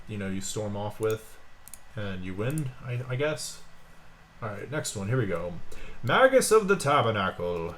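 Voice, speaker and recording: A man giving casual, excitable commentary while opening card packs, with jokey asides. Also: lowish voice, a little hiss or hum. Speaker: pack-opening streamer.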